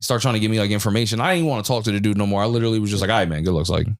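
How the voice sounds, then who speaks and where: A man in his thirties telling an animated, slangy story with swearing on a casual podcast. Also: fairly low pitch, rapid-fire, no room sound, clean studio sound. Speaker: podcast co-host. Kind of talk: casual chat.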